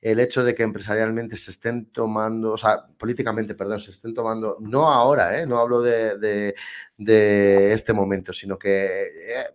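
A man hosting a casual live interview, talking in a relaxed, hesitant way with many fillers. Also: lowish voice, moderate pace. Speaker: host.

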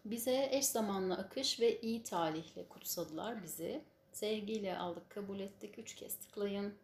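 A woman with a mid-range voice guides a spiritual healing meditation. She gives instructions and prayers in measured, solemn phrases. The room is echoey, with faint noise behind her. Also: medium pitch, vocal fry. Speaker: spiritual healing session leader.

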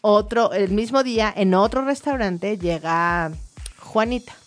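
A woman's voice: mid-range voice, unhurried, faint music behind. Chatty woman therapist. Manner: chatty, many fillers, storytelling. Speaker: child therapist. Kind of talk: explanatory conversational talk.

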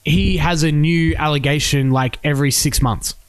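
Animated Australian man talking sport. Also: on the high side, moderate pace, clean tone, no echo. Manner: animated storyteller, acts out quotes. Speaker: podcast co-host. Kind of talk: casual sports chat.

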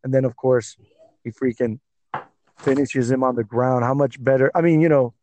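A man co-hosting a podcast, chatting casually about fights in an excitable, rambling way with many fillers. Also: medium pitch, moderate pace, slight background noise. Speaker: podcast co-host. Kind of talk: casual sports chat.

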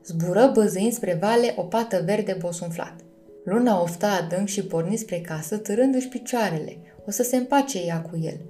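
A woman narrating a children's storybook in a calm, gentle reading style. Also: mid-range voice, faint music behind. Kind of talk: scripted audiobook narration.

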